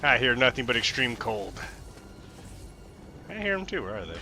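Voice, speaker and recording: Excitable male gamer, voice swooping up and down. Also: mid-range voice, moderate pace, creaky. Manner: excitable, blurts exclamations. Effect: voice sounds as if inside a helmet. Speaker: video game player, newcomer learning the game. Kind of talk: casual gameplay chat and reactions. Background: game music, gunfire and explosions.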